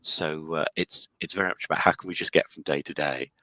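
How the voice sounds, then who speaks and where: A man, a game designer chatting in an interview, animated and acting out quotes as he talks. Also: extremely low pitch, brisk, no echo, low-quality recording. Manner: animated, acts out quotes, frequent restarts. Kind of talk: enthusiastic interview chat.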